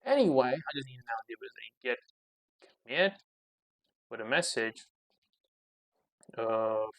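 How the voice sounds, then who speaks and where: A man's voice: medium pitch, animated, measured pace, fairly bright tone, no room sound. Guy muttering thru his code setup on a screencast, dry close mic, mid voice. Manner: thinks aloud while typing, mutters commands. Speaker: channel host. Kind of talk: casual coding screencast commentary.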